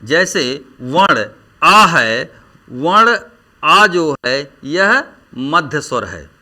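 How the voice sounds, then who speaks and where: A man teaching Hindi grammar in a lecture, drawing out vowels slowly as he demonstrates them. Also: mid-range voice, pushed and bright. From India. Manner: slow, drawn-out vowel demonstrations. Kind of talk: classroom lecture.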